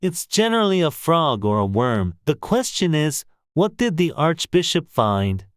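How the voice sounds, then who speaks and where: Someone doing a smooth, matter-of-fact duck. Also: medium pitch, big pitch swings, unhurried, no room sound, clean studio sound. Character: literal-minded duck.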